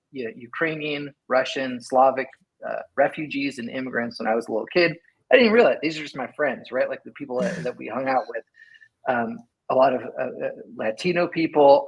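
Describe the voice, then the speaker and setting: A middle-aged engineering leader from Sacramento, California, talks loosely as a guest in a casual interview, thinking aloud with lots of "like" and "right?". His mid-range voice has a breathy edge, and the recording is low quality.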